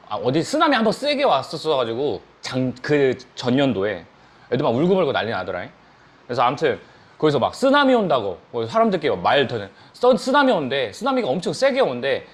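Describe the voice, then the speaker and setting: A man teaching an English lesson in a lively lecture, telling a story and acting out the voices of people in it. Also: on the high side. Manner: animated, acts out quoted voices.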